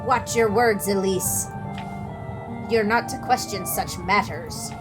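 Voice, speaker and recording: A woman's voice: mid-range voice, slow, over music, lightly acted. A woman voicing stern, lecturing village men who speak in an old-fashioned way.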